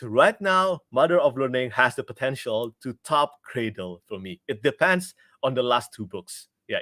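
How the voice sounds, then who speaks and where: A young man with an Indonesian accent reviews books on a livestream, chatting casually, laughing often and restarting his sentences. His voice is mid-range and a bit bright, with no echo.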